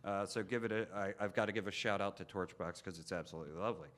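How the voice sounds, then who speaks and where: A man's voice: sits low, fast, a bit bright. A man giving an informal technical lightning talk as a conference speaker.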